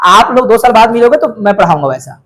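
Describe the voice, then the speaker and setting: A man's voice: high voice, expressive, fast, a bit bright. Man teaching a math class. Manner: coaxing, questions students often. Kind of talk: classroom lecture.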